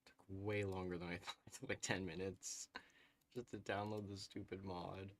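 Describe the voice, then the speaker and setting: Slight background noise sits under a man's low, flat voice as he streams a game live over a headset mic at a moderate pace. Talking to his chat, he thinks aloud and reacts with frequent "ooh"s and little laughs.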